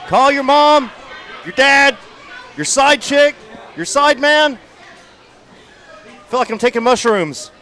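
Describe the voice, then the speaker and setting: A man calling live wrestling, shouting excitedly over the action and out of breath. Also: extremely high pitch, slow, long pauses. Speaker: wrestling commentator. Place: wrestling arena with a crowd. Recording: commentary over arena crowd noise.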